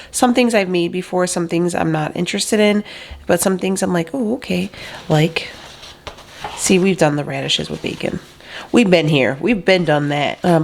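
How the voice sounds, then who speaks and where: A woman's voice: fairly low pitch, creaky. A young woman vlogger chatting loosely as she cooks in her home kitchen, filling her talk with "like" and "um", recorded by a camera on a tripod. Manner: chatty, loose, lots of fillers. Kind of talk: casual chat while cooking.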